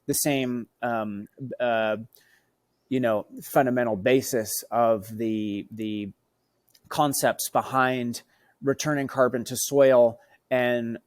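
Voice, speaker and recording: A man in his thirties from Norway, a bison rancher and guest in a casual interview, talking in a relaxed, halting way with many fillers and restarts. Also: medium pitch, dry recording.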